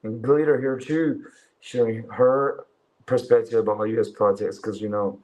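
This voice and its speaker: A man in his twenties from China, whose native language is Chinese, hosts a casual livestream, swearing and calling viewers bro while doing raised-voice mocking impressions. His mid-range voice is steady and darkish, at a moderate pace, on a rough recording.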